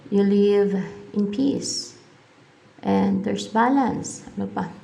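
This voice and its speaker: A woman's voice: mid-range voice, very slow, creaky, mellow, a little hiss or hum. A woman giving a casual spoken tarot reading, musing aloud and repeating herself as she mixes English into her speech. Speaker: tarot card reader.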